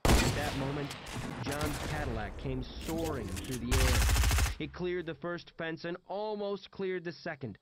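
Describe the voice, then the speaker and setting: A man narrating a first-person audiobook in a wry, dry manner, with background noise. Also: fairly high pitch. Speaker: audiobook reader. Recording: noisy background hiss.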